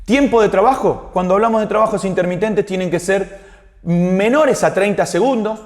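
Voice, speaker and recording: A man's voice: sits high, normal speed, a little mellow. A man giving an explanatory lecture as a fitness instructor, didactic and often checking that listeners follow. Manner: didactic, checking understanding with short tag questions. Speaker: fitness instructor teaching a class.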